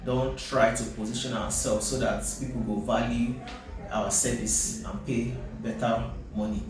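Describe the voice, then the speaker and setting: A man's voice: medium pitch, flat delivery, measured pace, over music. A man with a Nigerian accent talking in an interview, mixing English and Nigerian Pidgin and often checking that he is understood. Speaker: company CEO, interview guest. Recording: very echoey, distant mic, noisy.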